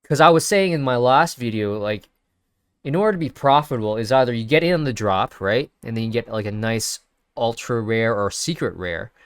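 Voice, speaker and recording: Sniffly from sneezing, a man hosting a casual crypto video thinks aloud over a screen share, with lots of fillers and restarts. His mid-range voice is brisk, clear and resonant, captured in clean studio sound with no echo.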